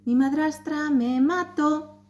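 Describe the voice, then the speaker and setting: A woman voicing a magical bird, a murdered boy reborn, in a slow sing-song chant. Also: medium pitch, lively intonation, lightly acted.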